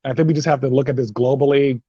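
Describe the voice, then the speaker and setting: A man's voice: mid-range voice, fairly even intonation, rapid-fire, mellow, breathy edge, no room sound, dull audio. A man on a webinar panel telling a story in a vivid, descriptive way. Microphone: video call.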